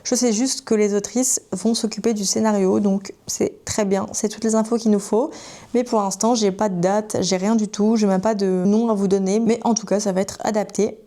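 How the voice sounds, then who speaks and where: A young woman in her twenties from France, talking to camera as a book vlogger in a chatty, gushing way. Her tone is mellow and soft at a middling pitch. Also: fairly even intonation, moderate pace. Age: 20s. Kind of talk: casual chat to camera.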